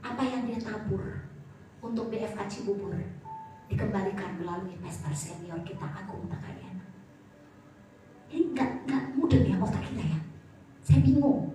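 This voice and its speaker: A woman pastor preaching a sermon, telling stories with animated energy and laughter, speaking to her congregation. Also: medium pitch, normal speed, pauses often, a little hiss or hum. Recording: echoey hall, voice from far off.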